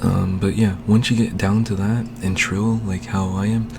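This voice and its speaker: A man slowly explaining a speaking technique in a casual home tutorial, recorded on a desk microphone. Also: low voice, flat delivery, vocal fry, over music. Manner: slow, unhurried, talking while demonstrating. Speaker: language learning vlogger.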